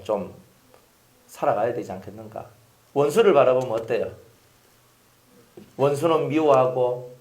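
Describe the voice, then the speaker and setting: A male pastor preaching a sermon, telling stories and acting out scenes. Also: mid-range voice. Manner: animated storytelling, acting out scenes with voices. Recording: echoey hall.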